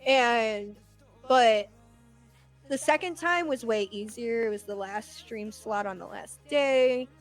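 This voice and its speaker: A woman's voice: fairly high pitch, takes it slowly, faint music behind. A young woman hosting a podcast, chatting candidly and swearing freely. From United States. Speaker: podcast host. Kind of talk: casual streamer chat.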